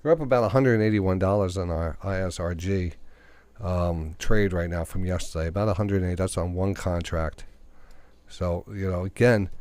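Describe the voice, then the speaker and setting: A man's voice: sits low, steady tone, moderate pace, darkish tone, clear, resonant tone, no echo. A man with a New York accent hosting live day trading commentary, thinking aloud and talking to the market and to himself. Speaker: day trading radio host.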